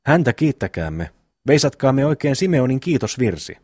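A man's voice: on the low side, sing-song, breathy edge, no room sound, clean studio sound. A man reading the lines of a cheeky youngest brother who mocks his elders. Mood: teasing. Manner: teasing, mocking.

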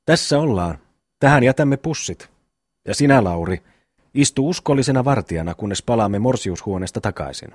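A man's voice: medium pitch, lively intonation, no echo, studio quality, close to an everyday voice. A man voicing a brash, bossy eldest peasant brother in a classic audiobook reading. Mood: blustering. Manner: bossy, quick to scold.

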